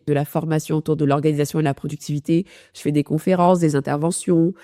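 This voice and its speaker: Female podcast host, informal talk, soft dark tone, slightly low, robotic artifact on the voice. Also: dry recording, clean studio sound. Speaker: podcast host, productivity coach.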